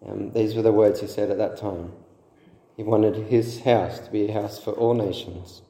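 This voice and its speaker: Brief: male preacher, dark mellow low voice, echoey church hall with long reverb. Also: fairly even intonation. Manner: measured, explanatory preaching with occasional restarts. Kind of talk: sermon.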